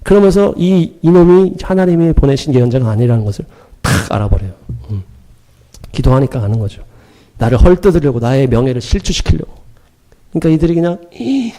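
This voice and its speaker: Fast-talking animated male preacher. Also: on the high side. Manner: animated, emphatic storytelling with sound-word punches; acts out quoted dialogue, chuckling. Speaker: pastor. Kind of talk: sermon.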